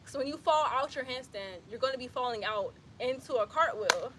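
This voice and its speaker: She talks a little fast in a high, animated voice, with background noise behind her. This young woman hails from Atlanta, Georgia, and speaks with that accent; on a phone video shot outdoors in bright sun, she leads casual handstand practice from an exercise mat, relaxed, talkative, full of laughs and "y'all."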